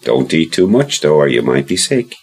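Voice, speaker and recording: A man reading a gentle, knowing mother. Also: extremely low pitch, big pitch swings, normal speed, vocal fry, slightly rough, heavily acted.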